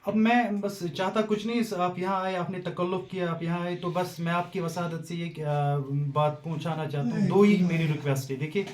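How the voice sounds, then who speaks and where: A man's voice: sits high, steady tone, few pauses. A young man and shop owner, interviewed outdoors by his burnt village shop, retelling the fire hesitantly with many fillers and rising urgency. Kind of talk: on-the-spot interview account. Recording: echoey outdoor field recording.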